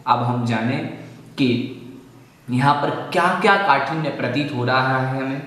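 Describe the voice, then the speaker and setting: Man, scripture teacher, slow careful delivery, high-ish voice, very echoey room. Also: a bit bright. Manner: slow, deliberate explanations with chanted verses. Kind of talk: online recitation lesson. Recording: echoey hall with long reverb.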